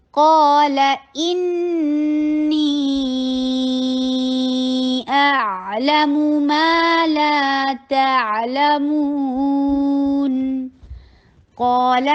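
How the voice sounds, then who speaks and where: A woman teaching tajweed, reciting words slowly and drawn out, then briskly explaining how to shape each sound with the lips and throat. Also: mid-range voice, highs cut off. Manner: instructive, gives step-by-step mouth and throat directions.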